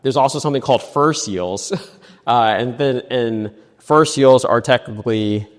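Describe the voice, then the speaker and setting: A man's voice: mid-range voice, measured pace, long reverb tail. A man, a marine biologist, talking casually in an interview, rambling with many fillers and restarts and laughing easily.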